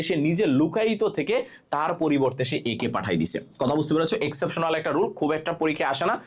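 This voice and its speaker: Lively male English tutor. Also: on the high side. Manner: explains step by step with repeated rhetorical questions, answers viewer comments. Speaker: English teacher. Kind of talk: live online grammar class.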